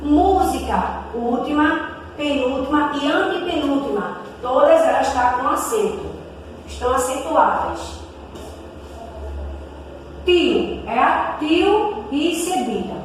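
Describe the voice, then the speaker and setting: Woman with a Brazilian accent, primary teacher, slow careful delivery, high voice, echoey room heard from a distance. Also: lively intonation, a little hiss or hum. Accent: Brazilian Portuguese. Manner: slow, spelling out syllables and examples. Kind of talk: recorded remote class lesson. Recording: echoey room, mic far off.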